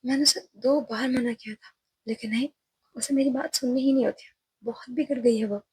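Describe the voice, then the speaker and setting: A woman's voice: a little high, fairly even intonation, brisk, darkish tone, breathy edge. A woman voicing a stressed, short-tempered young professor and mother in a storybook reading, snapping irritably. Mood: angry.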